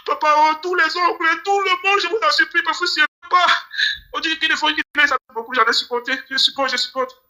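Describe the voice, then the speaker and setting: A man's voice: extremely high pitch, steady tone, fairly quick, bright, forceful tone. A man from Cameroon giving a grieving, pleading interview, often repeating his words. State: grieving, near tears. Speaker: interview guest. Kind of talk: emotional interview testimony.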